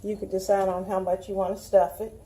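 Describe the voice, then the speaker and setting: A woman's voice: medium pitch, little pitch movement, fairly quick, mellow, rough recording. A woman with a Southern US accent, chatting in a folksy way to viewers as she hosts a casual home cooking demonstration. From Southern United States. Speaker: home cooking show host.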